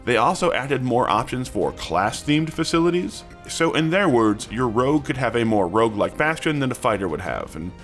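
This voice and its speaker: A man's voice: medium pitch, big pitch swings, normal speed, hardly any pauses, fairly bright tone. Guy reading scripted news as the host, music playing underneath. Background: background music.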